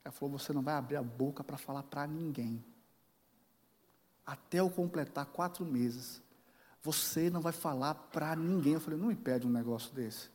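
A man's voice: a little high, moderate pace, darkish tone. A man in his forties with a Brazilian Portuguese accent, preaching a sermon as a pastor and telling a personal story with acted dialogue and emotional swings. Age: 40s. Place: large church hall. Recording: church hall with long reverb.

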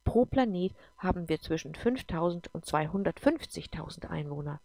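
A woman voicing a calm adult man who patiently explains how things work, in a gravelly, slightly low voice. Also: moderate pace, no echo. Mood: patient, explaining.

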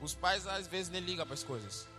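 A man interpreting a sermon phrase by phrase into Portuguese, briskly echoing the preacher and answering with amens. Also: high-pitched, animated, pushed and bright, faint music behind.

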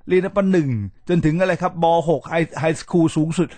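A middle-aged man hosts a podcast in a chatty lecture style, his voice sitting a little high. He talks with lively energy and slips in English words as he demonstrates them. The sound is close and dry, with no room echo. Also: normal speed. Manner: animated, mixes English words into his talk, demonstrates pronunciation. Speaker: podcast host teaching English. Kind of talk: casual lecture-style talk to listeners.

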